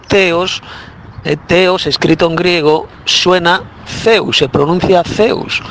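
A man's voice: on the high side, creaky, a little hiss or hum. A man giving a spoken Bible teaching as a preacher, insistent and repetitive, with frequent hesitant fillers.

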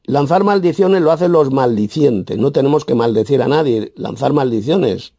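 A man with a Spain Spanish accent preaching a verse-by-verse sermon, emphatic and scornful, with sudden loud, high bursts and a habit of tagging his points with "¿eh?". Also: moderate pace, gravelly, no room sound. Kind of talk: sermon, verse-by-verse Bible exposition.

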